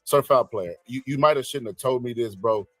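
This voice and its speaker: A man's voice: mid-range voice, no echo, soft background music. A man hosting a live political debate stream, calling on speakers and ribbing them in slangy talk. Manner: slangy, teasing, quick to call on callers. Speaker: debate show host.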